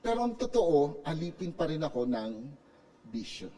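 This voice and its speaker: Filipino pastor preaching, mellow and distant. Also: male voice, on the high side, sing-song, moderate pace. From Philippines. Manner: preaching in Tagalog mixed with English, frequent tag "no?". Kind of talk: sermon. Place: church sanctuary.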